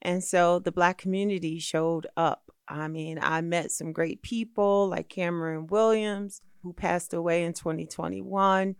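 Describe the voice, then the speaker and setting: Brief: middle-aged woman guest, animated storyteller, low smooth resonant voice, dry close sound. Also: measured pace, few pauses, no echo. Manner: lively, expressive storyteller with laughter. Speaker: magazine founder and editor being interviewed. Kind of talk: animated storytelling in a conversational interview.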